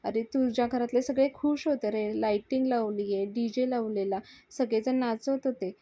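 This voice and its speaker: A woman narrator voicing an anxious, upset young woman from a television serial, her lines quickly pleading and full of agitated questions. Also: on the high side, fairly even intonation, mellow, dry recording, lightly acted.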